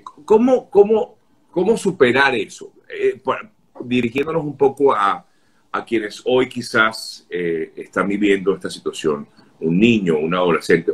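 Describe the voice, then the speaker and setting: A male journalist hosts an interview, posing his questions haltingly with many pauses and fillers. His pitch rises and falls in an animated way. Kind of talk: conversational interview.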